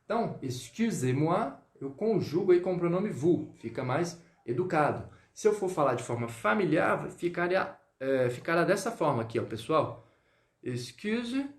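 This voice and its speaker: A man teaching French in a live online lesson, greeting viewers and drilling pronunciation slowly. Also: on the high side, lively intonation, echoey room. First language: Portuguese.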